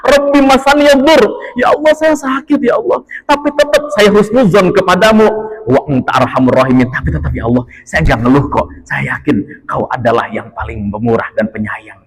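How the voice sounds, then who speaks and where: A man playing a sick old prophet in earnest, humble prayer. The voice rises high and pleading, then settles lower and quieter. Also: fairly quick, poor audio.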